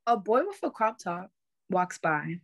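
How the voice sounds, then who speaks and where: A woman reads stage directions in a plain, measured way. Her voice sits at a middle pitch. The sound is dry and close. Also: big pitch swings, creaky, no echo.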